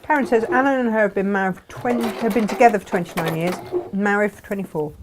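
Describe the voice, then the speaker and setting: A woman with a medium-pitched voice chats casually as co-host of a live show. She is jokey and relays messages from viewers in an easy, conversational way. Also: fast, noisy background. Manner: chatty, jokey.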